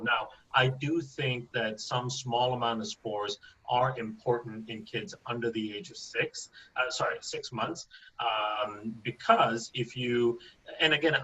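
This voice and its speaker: In a rough recording with a distant mic and a little hiss or hum, a man from India speaks in a sharp, mid-range voice. He's a microbiologist guest giving long, explanatory interview answers, often tagging sentences with a rhetorical "right?"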